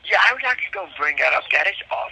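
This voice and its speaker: A man calling over a prison phone line, recounting his court troubles earnestly and haltingly, with frequent ums and restarts. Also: a little high, lively intonation, gravelly, sharp tone, a little hiss or hum. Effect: heard over a prison phone line.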